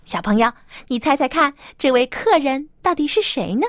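A woman's voice: high-pitched, expressive, normal speed, no room sound, clean studio sound. A woman hosting a children's story programme, narrating expressively as if reading to a small child, with simple explanations and coaxing questions.

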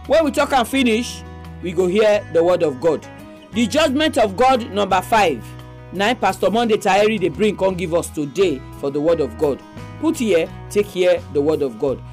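A woman's voice: on the low side, lively intonation, normal speed, a little mellow. Nigerian Pidgin-speaking woman hosting, music behind. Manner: speaks Nigerian Pidgin, addressing listeners directly. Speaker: radio program host.

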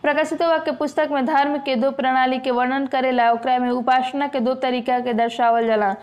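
A woman with a Bhojpuri accent delivering a measured Bible sermon. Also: high voice, flat delivery, a little mellow. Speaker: preacher.

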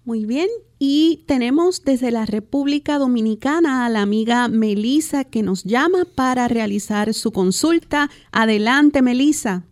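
A woman hosting a call-in show, introducing callers in a brisk announcer manner. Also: on the high side. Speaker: radio host.

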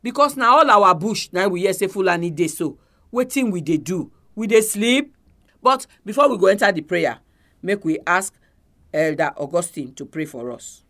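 High-voiced Nigerian man leading prayer in Pidgin. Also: animated, moderate pace, bright, forceful tone. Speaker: prayer meeting leader.

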